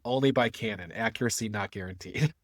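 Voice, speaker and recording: A man's voice: lowish voice, brisk, no room sound, clean studio sound, lightly acted. A man doing a hammy pirate voice for a mock pizza ad, full of pirate slang. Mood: blustery. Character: blustery male pirate pitchman reading an ad.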